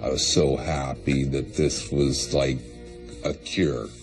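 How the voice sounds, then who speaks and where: A man with a deep, low voice talks slowly and plainly about his dog. Faint music plays behind him. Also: steady tone. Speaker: dog owner. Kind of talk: TV reality show interview.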